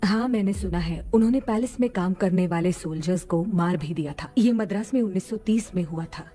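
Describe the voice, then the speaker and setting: An actress dubbing a kindly, gentle aunt who talks in an unhurried, storytelling way. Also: female voice, fairly low pitch, close to an everyday voice. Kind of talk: Hindi film dubbing.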